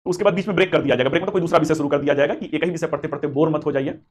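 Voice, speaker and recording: A male history teacher runs a live class for exam aspirants, talking at a rapid clip in a fairly high voice. He is encouraging and chatty and calls his students beta. He slips English phrases into his explanations. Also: steady tone. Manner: mixes Hindi with English terms. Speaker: history teacher for civil service exam coaching. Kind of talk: live online class with chat questions.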